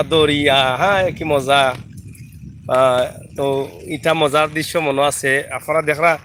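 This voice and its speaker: A Bangladeshi vlogger with a Sylheti accent chats live with viewers while filming outdoors in a riverside village, greeting them by name. His voice is on the high side and a bit bright, with a little hiss or hum in the recording.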